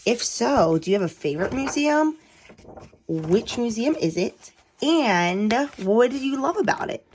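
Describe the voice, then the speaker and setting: A woman host reading a storybook aloud for children, animated and asking her listeners questions. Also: fairly high pitch, unhurried, a little hiss or hum.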